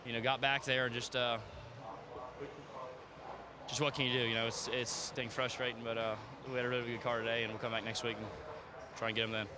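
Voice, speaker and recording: A nineteen-year-old man, a racing driver, speaking plainly and haltingly in an unscripted trackside interview. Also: medium pitch, level tone. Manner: halting, repetitive, plain-spoken. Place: outdoors at a racetrack. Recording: crowd and vehicle noise behind.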